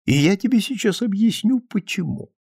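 A man's voice: high voice, lively intonation, moderate pace, a little mellow, breathy edge, dry recording, studio quality, pitched above the performer's own voice, heavily acted. A man voicing a maudlin drunk friend. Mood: maudlin, boastful. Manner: maudlin, emphatic drunken pleading. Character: drunken, self-pitying male friend confessing. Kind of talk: audiobook character reading.

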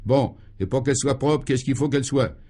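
A man with a medium-pitched, fairly quick, dark and husky voice plays a hot-tempered, blustering governor in a 1950s radio drama. Sounding natural, he roars out sputtering, furious rants.

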